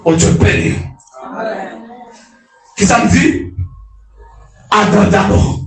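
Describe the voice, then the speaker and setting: A man preaches a fervent sermon in a raised, high voice, often repeating and restarting his phrases before breaking into shouted alleluias. He sounds distant from the microphone inside a reverberant hall. Faint music plays underneath. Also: takes it slowly. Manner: impassioned, shouted calls of alleluia. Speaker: prophet preaching. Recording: echoey hall picked up from a distance.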